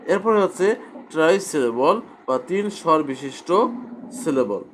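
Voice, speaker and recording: A man's voice: on the high side, expressive, slight background noise. A man teaching a grammar lesson, asking his own questions and answering them. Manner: repeats questions and answers them himself, slow and deliberate.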